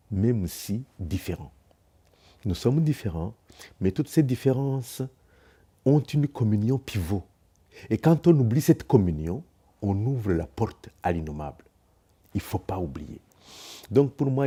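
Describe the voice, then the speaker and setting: A man giving a slow, grave, philosophical testimony. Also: fairly low pitch, warm tone, breathy edge. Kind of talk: reflective testimony.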